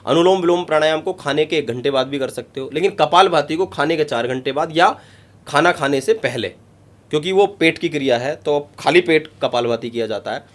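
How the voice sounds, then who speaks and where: A man's voice: fairly high pitch, a little fast. Emphatic yoga guru man explaining. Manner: emphatic, repetitive, explains step by step. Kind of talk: instructive interview talk.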